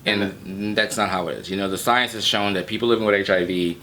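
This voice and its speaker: A man speaking as a guest in a casual interview, playful and animated, jumping into high exclamations. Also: brisk, a little hiss or hum. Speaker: guest from an HIV advocacy group.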